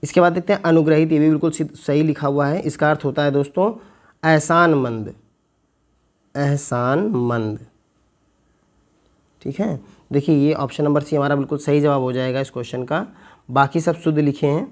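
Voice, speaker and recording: A male teacher working through an exam paper, repeating words slowly to spell them out and asking his viewers questions. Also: a little high, flat delivery, a little mellow. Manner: slow, stretched repetition of words to spell them out; addresses viewers as friends, asks them questions. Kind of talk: exam paper walkthrough lesson.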